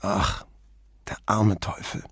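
A man's voice: medium pitch, expressive, measured pace, no room sound, clean studio sound. A man voicing a barman who speaks in a subdued, worn way, sometimes almost whispering. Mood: sorrowful. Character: sorrowful male barman, Ruggiero.

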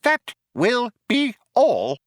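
Benji Mouse, tiny imperious squeaky rodent. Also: male voice, wildly swooping pitch, drawn-out words, no room sound, clean studio sound, heavily acted. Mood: curt, dismissive. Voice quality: small, high-pitched voice. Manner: sharp, firm, formal.

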